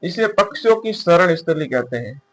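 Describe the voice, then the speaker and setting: A male teacher giving a casual exam-prep lecture, asking questions and answering them himself, and repeating key terms slowly as he writes them down. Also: on the high side, expressive. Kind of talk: casual classroom-style lecture.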